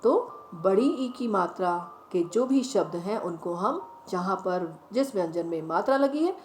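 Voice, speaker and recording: A woman teacher leading a children's phonics lesson, speaking directly to the children and drawing each word out slowly as she repeats it. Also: medium pitch, lively intonation, darkish tone, a little hiss or hum. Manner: slow, drawn-out word repetition. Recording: roomy echo, faint music behind.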